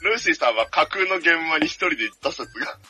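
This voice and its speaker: A man's voice: on the high side, lively intonation, fast, sharp tone, breathy edge. A man in a casual podcast chat over a video call, telling stories eagerly with jokey asides. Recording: video call with music behind.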